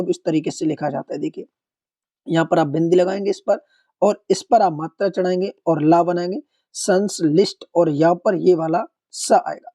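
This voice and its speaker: A man giving an online exam-prep lecture, asking the class questions, answering them himself and slowly repeating the correct answer. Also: sits high, dark tone. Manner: explains step by step, asks questions and answers them; slows down to repeat the correct form. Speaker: Hindi exam-prep teacher.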